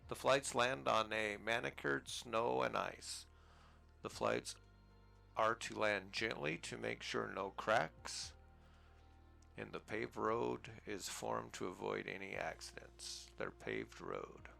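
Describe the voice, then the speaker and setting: With a lowish, pushed and bright voice and some vocal fry, an American man comments casually on his flight simulator play for his gaming channel. His talk is rambling and easygoing, broken now and then by chuckles at himself.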